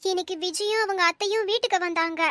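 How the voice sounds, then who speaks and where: Cartoon: a concerned young daughter-in-law, high and bright. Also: female voice, steady tone, fast talker, no room sound, studio quality. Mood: worried. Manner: concerned, explaining on the phone. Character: caring young woman, worried daughter-in-law.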